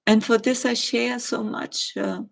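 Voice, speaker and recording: A middle-aged woman with a German accent, answering viewer questions in a live chat and pausing often with ums and uhs. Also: a little high, little pitch movement, creaky. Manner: hesitant, many ums and uhs, gentle.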